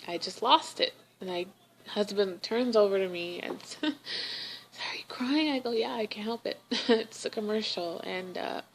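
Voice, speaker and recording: A young woman in a personal video diary, speaking in a halting, emotional way with many pauses. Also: on the low side, creaky, slight background noise, rough recording. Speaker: vlogger.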